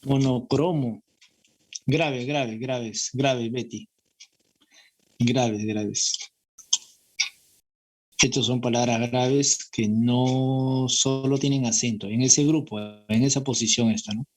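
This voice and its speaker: A man's voice: medium pitch, steady tone, slow pace, long pauses. A man with a Peruvian Spanish accent teaching an exam-prep grammar lesson in a classroom, repeating his points and checking in with students. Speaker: language teacher.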